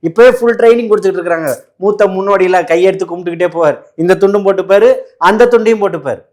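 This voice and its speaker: A man jabs and mocks his way through a heated political debate. His voice sits a bit high, and he fires off quick lines while cutting in on the other side. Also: a little mellow. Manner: mocking, rapid-fire, interrupting.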